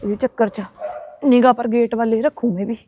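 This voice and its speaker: A woman's voice: fairly high pitch, fairly even intonation, warm tone, slight background noise. A woman acting a young wife who scolds her husband in a comic web series. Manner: scolding, fast village chatter. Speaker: actor playing a young wife. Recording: dry, muffled lo-fi phone audio.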